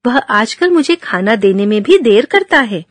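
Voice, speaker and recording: A woman's voice: a little high, big pitch swings, unhurried, no echo. A woman reading the lines of a resentful male watchdog in a fable, complaining about his master. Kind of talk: reading a storybook fable aloud.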